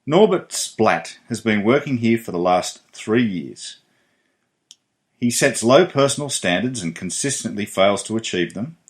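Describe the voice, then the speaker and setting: A man playing a hapless, matter-of-fact office worker in a comic radio sketch, delivering jokes deadpan. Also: lowish voice, measured pace.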